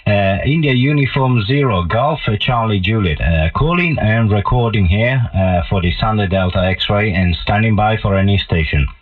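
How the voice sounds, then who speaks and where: Man, Italian accent, amateur radio operator, slightly low pitch, halting delivery, tinny narrow-band radio transmission. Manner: halting, hesitant phrasing with many pauses. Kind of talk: ham radio contact talk.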